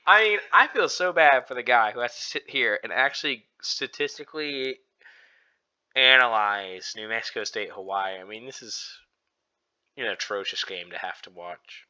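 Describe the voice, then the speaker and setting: Casting note: male podcast co-host, very bright edgy tone, rambling and laid-back, dull lo-fi sound. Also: mid-range voice, animated, normal speed, clear, resonant tone. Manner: rambling, laid-back, lots of fillers and self-deprecating laughs. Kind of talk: casual sports betting chat.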